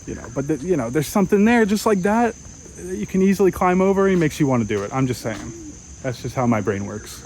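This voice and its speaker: A man's voice: on the high side, expressive, fast talker, a little mellow, slight background noise, poor audio. Young male travel vlogger, casual and rambling, walking a city park outdoors, handheld mic. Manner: rambling, musing, many fillers and restarts.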